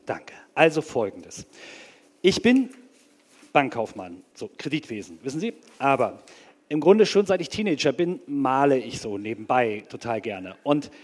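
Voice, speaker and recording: An actor playing an anxious, earnest bank clerk who rambles hesitantly as a polite caller in a comedy sketch. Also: male voice, medium pitch, very animated, a little slow, big-room sound. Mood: unsure, wistful.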